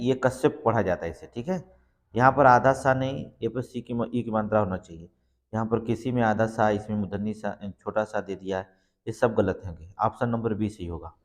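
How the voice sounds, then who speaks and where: A man teaching exam preparation, walking through each answer step by step and confirming it with a repeated check. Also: on the low side. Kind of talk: exam-prep lesson. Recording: long reverb in the room.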